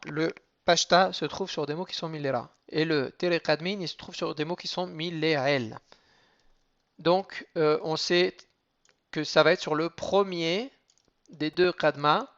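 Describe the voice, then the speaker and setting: A man teaching a lesson on cantillation marks, explaining each rule step by step and chanting the Hebrew examples slowly. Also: a little high, a bit bright, lo-fi sound.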